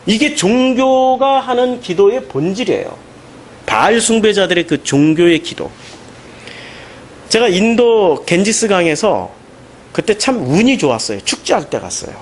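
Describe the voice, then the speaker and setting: A man preaching a Sunday sermon as pastor, animated and emphatic, with questions put to the congregation. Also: high voice, unhurried, slight background noise. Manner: animated, rising into emphatic questions and mocking quotes.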